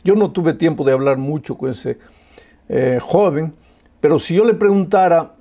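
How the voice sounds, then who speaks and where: A man's voice: on the high side, moderate pace, mellow. A male pastor preaching a sermon with passion, using rhetorical questions and repetition.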